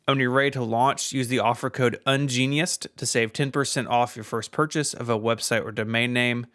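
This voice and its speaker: Brief: male podcast co-host, easy laughing banter, mid pitch, dry close mic. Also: fairly quick, dry recording. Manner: laughs often, relaxed banter. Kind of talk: casual podcast chat and ad read.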